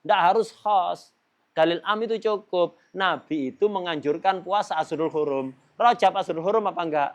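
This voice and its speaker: A man's voice: high voice, normal speed. A man giving a religious study lesson in an emphatic, casual way, often putting rhetorical questions to his listeners and mixing in Arabic phrases. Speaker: religious teacher.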